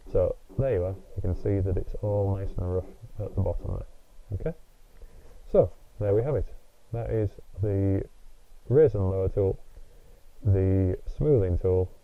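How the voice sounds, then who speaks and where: A man narrating a software tutorial step by step in a patient, instructive way, heard through tinny, low-quality sound. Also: slight background noise. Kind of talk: screen-recorded tutorial narration.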